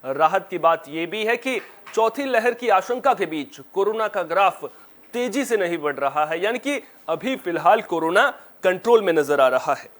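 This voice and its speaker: This high-pitched male anchor presents the news from a script in the formal manner of a TV bulletin. His intonation is lively, his pace normal, and his sound a bit bright.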